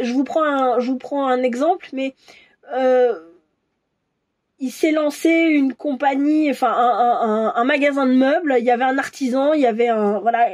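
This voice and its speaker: A woman doing a casual tarot reading for viewers, musing and hesitant, with many restarts and soft asides. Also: high voice. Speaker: tarot reader.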